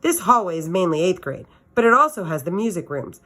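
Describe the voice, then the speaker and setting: Like a teacher bringing a story to life for her students, a woman reads a children's novel aloud, very animated and fairly quick. Her voice is slightly low with a fairly bright tone.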